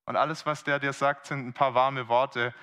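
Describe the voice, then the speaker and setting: A man's voice: mid-range voice, steady tone, moderate pace, sharp tone, smooth. A man preaching a sermon, explaining a Bible passage earnestly and asking the congregation rhetorical questions.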